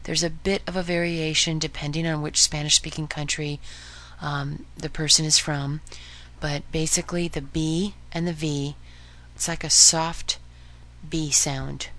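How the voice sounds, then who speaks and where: A woman hosting a podcast lesson on Spanish pronunciation, modeling each sound slowly and clearly for listeners to repeat. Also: low-pitched, a bit bright. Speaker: Spanish teacher.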